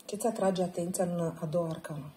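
A woman guiding a participant through a tarot card reading, gentle and probing, often checking in with a short question. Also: fairly low pitch, slight background noise. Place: group session at a camp.

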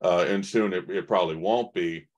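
A man's voice: sits low, normal speed, lo-fi sound. A man in his forties hosting an online conference interview, chatty, with lots of fillers and restarts. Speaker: host. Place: indoors in front of a branded backdrop. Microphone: webcam video call.

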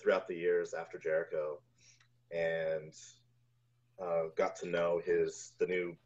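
A composer in his forties, deep-voiced with a level, darkish tone, talks casually as an interview guest. He recounts things in a halting, easygoing, conversational way. The sound is slightly dull, like a video call from a room at home.

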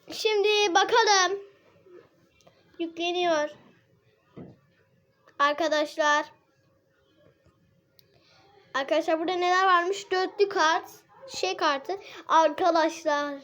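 Very high-pitched excitable young woman gamer. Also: slow, pauses often. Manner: excitable, constantly addresses viewers, dramatic complaints. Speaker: gaming channel host. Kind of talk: casual game commentary.

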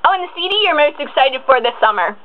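A woman's voice: sits high, animated. A young woman interviewing a guest, chatty and eager like a fan. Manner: chatty, eager fan asking quick questions. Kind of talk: casual fan phone interview. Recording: tinny phone line.

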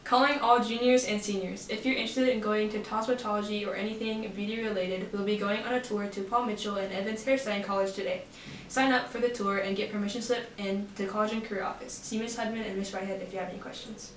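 A woman's voice: mid-range voice, steady tone, quick pace. A teenage young woman co-anchoring school announcements, reading the news items from a script. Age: teens. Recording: roomy echo, faint noise.

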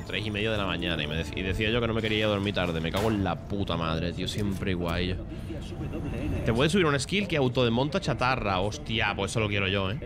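A man, chatting casually and swearing while commentating a game late at night. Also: fairly low pitch. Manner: chatty, swears freely, thinks aloud. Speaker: streamer.

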